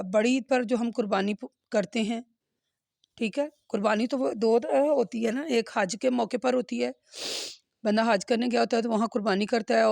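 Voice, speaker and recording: Gravelly-voiced woman teaching a Quran lesson. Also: a little high, a little mellow, dry recording, clean studio sound. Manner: earnest, questioning, frequent "hmm?" checks. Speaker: religious teacher.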